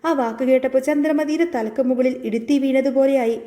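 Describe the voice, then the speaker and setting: A woman's voice: sits high, fast, warm tone. A woman retelling a TV serial episode as a dramatic story, with small restarts. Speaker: serial recap narrator.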